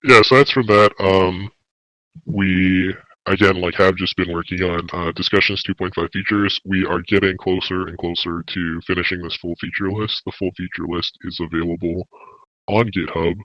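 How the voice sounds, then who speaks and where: A man speaking through a deep pitch-shifting voice changer, a lead developer giving a steady podcast update with many filler uhs. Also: normal speed, no echo, lo-fi sound.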